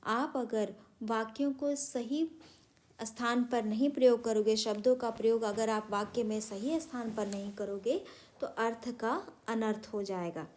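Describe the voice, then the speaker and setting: A woman's voice: a little high, fairly even intonation, a little slow, darkish tone. A woman teaching a Hindi grammar lesson to young children, patiently spelling out words and correcting sentences. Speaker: primary school Hindi teacher. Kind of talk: recorded classroom lesson for children.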